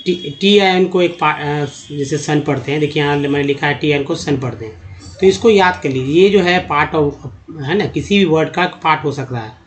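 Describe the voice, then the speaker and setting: A man teaching how to read English, spelling out words letter by letter and pausing with fillers as he explains. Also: a little high. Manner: addresses viewers as friends, spells words letter by letter, halting with fillers. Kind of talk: explanatory lesson.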